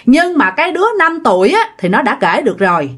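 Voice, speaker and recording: Sing-song, fast and a little bright, this high-pitched woman narrates a ghost story in a relaxed, chatty style. Her accent is Southern Vietnamese, and she speaks straight to her audience.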